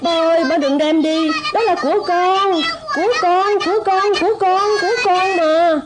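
A woman dubbing a stubborn, tearful little boy who pleads in a high, whiny voice in a TV series. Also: level tone, moderate pace, very noisy. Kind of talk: dubbed TV series. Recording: loud music score under the voice.

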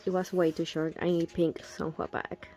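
A young woman with a fairly low voice and a level tone talks at normal speed, faint music behind her. Giving casual unboxing commentary on a photobook, she gushes, gasps, and whispers little asides over each picture.

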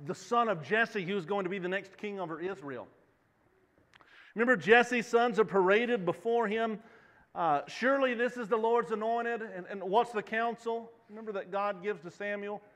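A man in his thirties preaches in a church sanctuary, walking the stage, gesturing, and asking the congregation questions. His voice is high-pitched with a fairly bright tone, and the church hall adds long reverb.

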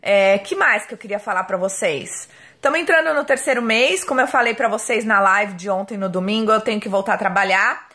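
A woman's voice: medium pitch, a little fast, pushed and bright. A woman, chatting casually to viewers in a home vlog as a mother, with frequent tag questions. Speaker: mother and vlogger.

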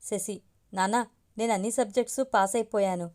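A woman's voice: mid-range voice, steady tone, brisk, a little mellow, natural voice. A woman voicing a playful young college girl who teases her parents, read in an audiobook story. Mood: excited.

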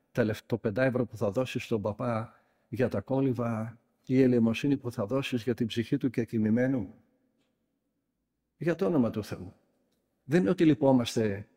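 A monk preaching with a dark, mellow voice of middle pitch. He tells stories in a lively way and drives his points home with emphatic, scolding remarks. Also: breathy edge. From Greece. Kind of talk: sermon.

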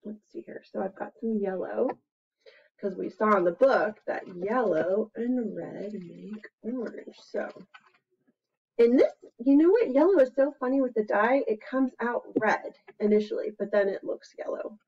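In a small, plain room at home, an American woman of about forty (30s to 40s) demonstrates an activity as a preschool teacher, chatting casually to camera. Her mid-range voice is creaky and husky and her pace unhurried, while her manner stays playful and expressive, with exclamations and sound words. A computer webcam mic at roughly arm's length gives dull, lo-fi sound.

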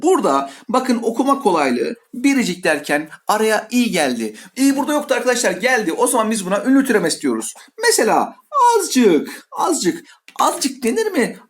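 A male teacher giving a grammar lesson, voicing his students' questions himself and answering them in a playful way. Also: high voice.

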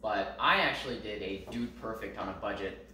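A man's voice: lowish voice, moderate pace, pushed and bright, a little hiss or hum. A man giving playful, mock-boastful opinions in a casual chat as co-host. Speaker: co-host and cameraman. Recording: very echoey room, far from the mic.

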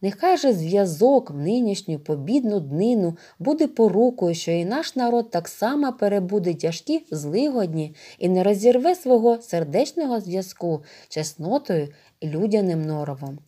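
A woman voicing a dying old village elder, calm and wise, who speaks weakly and solemnly. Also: mid-range voice, moderate pace, few pauses, natural voice. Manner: weak, quiet, solemn speech.

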